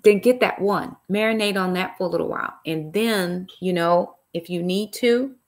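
A woman's voice: lowish voice, moderate pace. A middle-aged woman hosting a casual live stream from a small room, chatting on her laptop webcam and dropping y'all and praise interjections. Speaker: author and live-stream host. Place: small room indoors, seated in an armchair.

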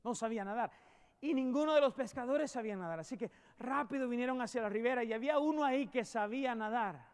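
A man preaching a sermon as a pastor, swinging from loud emphatic peaks to hushed storytelling. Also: very high voice, quick pace, smooth. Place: church sanctuary.

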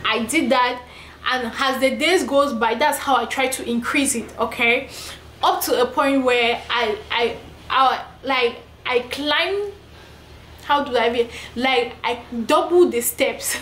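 A young, heavily pregnant woman vlogs to camera, venting emphatically and repeating herself. Her high voice is unhurried and a bit bright. The room is echoey, with faint ambience and slight background noise.

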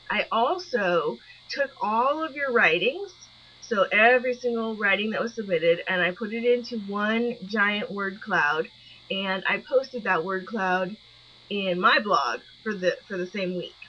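A woman college instructor giving an encouraging, chatty weekly class announcement, recorded on a poor-quality backup microphone. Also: mid-range voice. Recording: dull lo-fi backup mic with mains hum.

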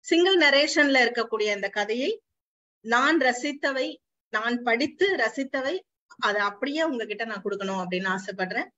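A woman with a high voice introduces a short story in a measured, reflective way. She speaks as a storyteller and coach sharing what she loves about it. The recording is slightly dull and lo-fi. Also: animated, bright, forceful tone. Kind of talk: retelling a short story for an online series.

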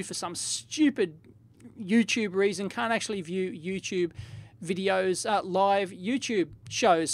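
An Australian man in his forties talks straight to camera as a video blogger. He is upbeat and animated, delivering a giveaway announcement informally, as if off the cuff. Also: high voice. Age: 40s. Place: small indoor home lab studio with foam panels. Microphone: desktop microphone in front of him.

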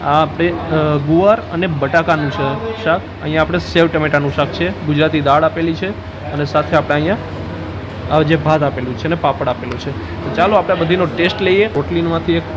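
A chatty man in his thirties talks through a restaurant meal for his food vlog, his voice sitting a little high. He lists dish after dish as he eats. Steady background noise fills the roadside dining hall. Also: fairly quick. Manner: chatty, calls viewers brother, lists dishes. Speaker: food vlogger.

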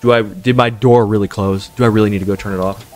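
A man's voice: on the low side, steady tone, fast talker, a little mellow, faint music behind. A man streaming a horror game with scared, jittery reactions, repeating himself and speaking in profane, slangy commentary.

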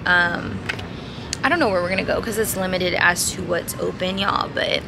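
Young woman vlogger, sassy and chatty, handheld camera outside at night; gravelly edge, city noise behind. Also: lowish voice, steady tone, moderate pace. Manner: chatty, sassy, addresses viewers as y'all and babes. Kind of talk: casual vlog talk to camera. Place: outdoor city terrace at night. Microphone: handheld camera at arm's length. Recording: noisy outdoor city street.

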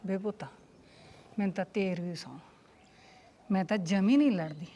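A woman's voice: medium pitch, normal speed, mellow, lightly acted. Actress: older mother-in-law, protesting and coaxing, making promises.

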